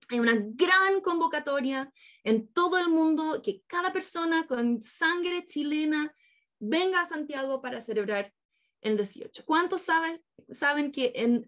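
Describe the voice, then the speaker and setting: High-voiced woman preaching an engaging sermon. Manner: engaging, keeps checking in with listeners; vivid storytelling with imagined scenes. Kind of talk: sermon to a congregation.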